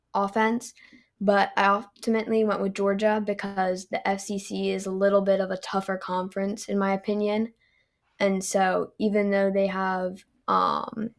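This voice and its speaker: Flat-voiced gravelly young woman. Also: mid-range voice. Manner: relaxed, frequent "um" and "you know". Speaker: guest volleyball analyst. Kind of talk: casual podcast chat.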